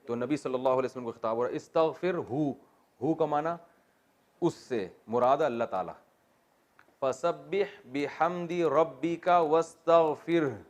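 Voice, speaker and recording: A man teaching a classroom lesson on Quran exegesis, taking his students through Arabic word forms. He keeps asking the class questions and drops in light joking asides as he goes. His voice sits at an ordinary middle pitch for a man. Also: a little mellow.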